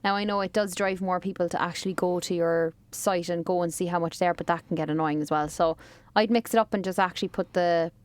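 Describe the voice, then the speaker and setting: A woman's voice: lowish voice, steady tone, fast talker, hardly any pauses, dry recording. A woman co-hosting a podcast, chatting casually with lots of filler words. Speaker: podcast co-host.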